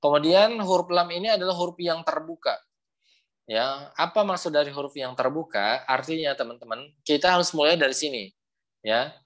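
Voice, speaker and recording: A young man leads an online recitation class over a video call. He explains each point patiently, repeats himself often and draws out sample sounds slowly so learners can copy them. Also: on the high side, a bit bright. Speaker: Quran recitation teacher.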